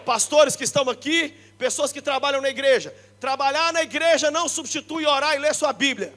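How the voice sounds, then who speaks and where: A middle-aged Brazilian pastor with a Brazilian Portuguese accent preaches to a church crowd in a very high voice. He jokes, shouts his main points and slips into quick impressions of the people he talks about. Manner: energetic and joking, shouting the key points, acting out quoted people. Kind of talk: lively sermon. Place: church congress hall.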